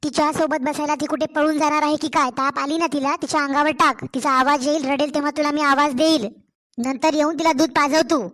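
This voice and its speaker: A woman with a Marathwada Marathi accent voicing a harsh, bossy older mother-in-law who scolds loudly in a cartoon story. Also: high-pitched, little pitch movement, a little fast, natural voice. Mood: scolding. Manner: bossy, sharp, loud.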